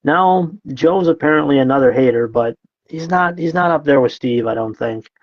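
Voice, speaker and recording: A man's voice: on the high side, moderate pace, dry recording. Sarcastic male podcast host, dull recording. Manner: sarcastic, profane, mock-scolding commenters. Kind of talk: casual podcast chat.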